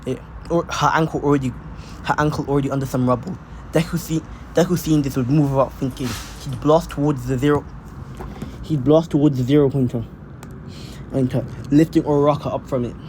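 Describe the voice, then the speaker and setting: A man's voice: medium pitch, steady tone, a little fast, a little mellow, a little hiss or hum. A man casually narrating a fan-made story off the cuff, often restarting and repeating his phrases.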